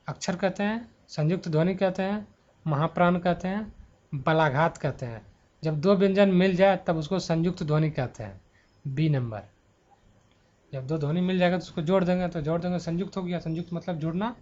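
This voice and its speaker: A man's voice: sits high, darkish tone. A man teaching a grammar exam-prep lesson into a mic at his laptop, thinking aloud and correcting himself as he goes. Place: at home before a laptop. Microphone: handheld mic at a laptop. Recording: dull lo-fi mic sound.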